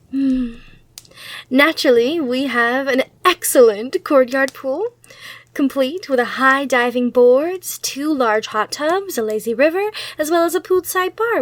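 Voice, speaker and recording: In an ASMR roleplay, a woman with a high voice plays a gracious, eager demon hotel receptionist. She offers polite, reassuring customer-service patter.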